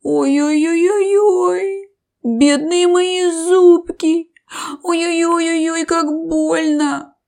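A woman voicing a whimpering male crocodile with a toothache, moaning in slow, drawn-out wails in a storybook reading. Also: high-pitched, expressive. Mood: wailing. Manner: wailing, slow drawn-out moans.

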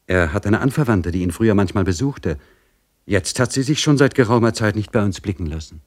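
A man's voice: lowish voice, expressive, a little fast, a little mellow, no echo, studio quality, voice pushed up. A man reading aloud voices a frightened young maidservant in an anxious, pleading way. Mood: eager.

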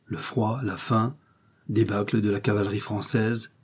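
Low husky male storyteller. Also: flat delivery. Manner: measured, voicing characters' lines with raised pitch. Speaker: narrator. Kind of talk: audiobook reading of a short story.

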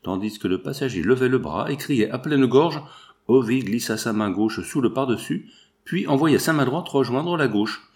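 A man narrating a classic novel aloud in a measured, expressive storytelling manner. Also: medium pitch. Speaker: audiobook narrator.

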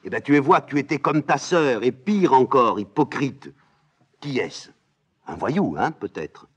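A man reading a play aloud, voicing a fussy, scolding old nursemaid in a high raised voice. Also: big pitch swings, fairly quick, slightly rough. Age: older. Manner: shrill, scolding, exclamatory.

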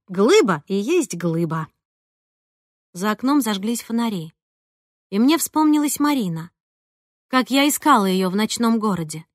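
A woman reading a first-person audiobook in an expressive, lively way. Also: medium pitch, no echo, clean studio sound. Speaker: audiobook narrator.

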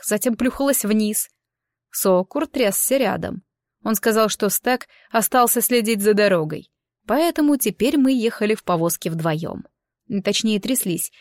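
A woman reads a first-person novel in an even, measured storytelling voice. The recording is dry and close, with no room echo at all. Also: medium pitch. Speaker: audiobook narrator. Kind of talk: scripted first-person narration.

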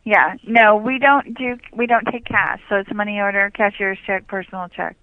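A woman's voice: medium pitch, fairly even intonation, normal speed, dry recording. A woman working as a property office receptionist, heard over a landline phone. She is polite and businesslike and often hesitates with ums. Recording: tinny dry phone line.

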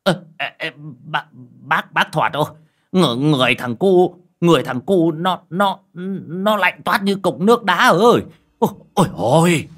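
A man's voice: medium pitch, animated, brisk, fairly bright tone, pitched above the performer's own voice. A man voicing a jittery bald old villager who stammers and trembles with fear, in a spoken horror tale. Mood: terrified.

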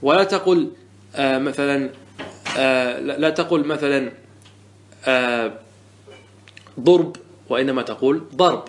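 A man's voice: mid-range voice, moderate pace, pauses often, slight background noise. A man teaching a lesson on Arabic morphology, asking the class questions and answering them himself. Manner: repeats key words and corrects common mistakes.

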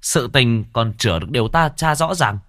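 A man's voice: medium pitch, sing-song, measured pace, a bit bright, no room sound, clean studio sound, pitched above the performer's own voice. A man voicing a frightened young soldier who stammers and repeats his words. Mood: indignant.

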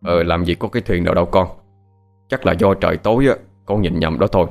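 A man voicing a poor middle-aged fisherman father who talks softly and reassuringly to his daughter in a told ghost story. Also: low-pitched, fast talker, creaky, soft background music, pitched below the performer's own voice.

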